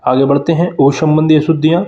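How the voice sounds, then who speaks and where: A man's voice: fairly high pitch, steady tone. Hindi man teaching spelling, echoey dull audio. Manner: explains quickly, often repeating key words. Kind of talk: exam-prep lesson. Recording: roomy, muffled sound.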